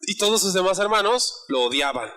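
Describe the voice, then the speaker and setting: A man's voice: high-pitched, lively intonation, fairly quick, pushed and bright. A man preaching a sermon, telling a personal story in a conversational way and asking the congregation questions.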